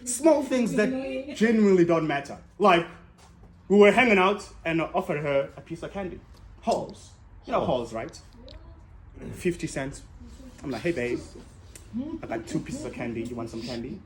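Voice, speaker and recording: A man doing stand-up comedy at a convention stage, teasing the audience in an animated, jokey way. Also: on the high side, moderate pace, pauses often. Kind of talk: stand-up comedy with crowd work. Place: convention stage with a laughing crowd. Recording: crowd noise, roomy hall.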